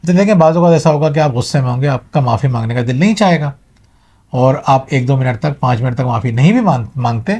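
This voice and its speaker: A middle-aged man with a mid-range, animated, darkish voice gives viewers a motivational talk. He is earnest and full of advice, mixing English words into his speech.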